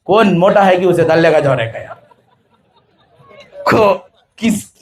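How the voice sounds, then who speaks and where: A preacher telling a folk tale in a sermon, animatedly acting out the characters' lines. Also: male voice, high-pitched. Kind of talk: storytelling sermon.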